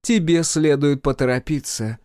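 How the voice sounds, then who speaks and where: Imperious dream goddess, sneering and sarcastic, high and dry, put on by a male reader. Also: normal speed, darkish tone, no room sound, close to an everyday voice. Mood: angry. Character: haughty scornful female goddess of dreams. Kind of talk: audiobook character voice.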